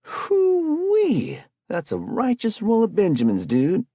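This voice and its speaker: A man's voice: on the low side, very animated, moderate pace, breathy edge, dry recording, clean studio sound, voice pushed up. A man voicing a menacing adult street hustler who bullies and robs, in swaggering slangy speech, for a spoken story. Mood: greedy. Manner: swaggering slangy street talk, pushy and loud.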